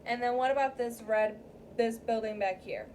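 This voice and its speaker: With a slightly mellow, higher-pitched voice at a moderate pace, a woman reads to young pupils in an interactive story time. Quick checks like "okay?" and "right?" come up often, and the mic is distant, with background room noise clearly audible.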